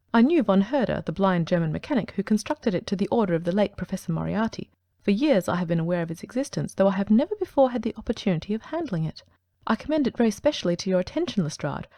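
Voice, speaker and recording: In an audiobook reading, a woman voices a brilliant male detective who speaks briskly, precisely and ironically. Her medium-pitched voice is animated and dark-toned, lightly acted, in a dry recording.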